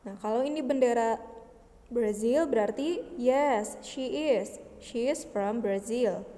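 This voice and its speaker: A woman with an Indonesian accent teaching an English lesson, explaining slowly and patiently and switching between languages. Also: on the high side, dark tone, in a large hall. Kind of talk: bilingual classroom lesson.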